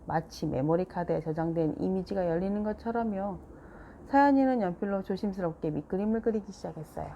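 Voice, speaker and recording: A woman narrating a children's storybook aloud in a calm, even manner. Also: medium pitch, fairly quick, highs cut off, slight background noise. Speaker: storybook reader. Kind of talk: children's book read-aloud.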